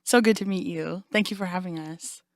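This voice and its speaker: A young woman with a slightly low voice talks about her music in an animated way, slipping into the voices of people she quotes. The sound is dry and close. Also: brisk, dry recording. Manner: animated storyteller, acts out quotes. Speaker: jazz vocalist, guest. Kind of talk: casual interview chat.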